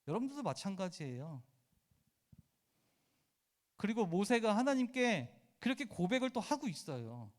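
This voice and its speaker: Animated male youth preacher. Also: high voice, normal speed, pauses often. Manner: emphatic, asks the listeners direct questions. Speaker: youth pastor. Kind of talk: sermon to teenagers.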